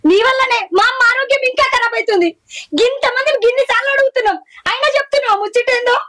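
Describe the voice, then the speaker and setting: A woman's voice: extremely high pitch, racing, sharp tone. A woman playing an accusing young wife. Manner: accusing, demanding answers. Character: young wife confronting her secretive husband. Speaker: wife and daughter. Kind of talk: village short film acting.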